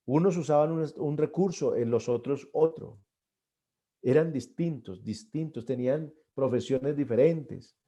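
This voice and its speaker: A middle-aged man giving a church arts lesson on stage performance, earnest, often repeating and restarting his words and pushing key points louder. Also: mid-range voice. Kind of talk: classroom lecture on stage performance.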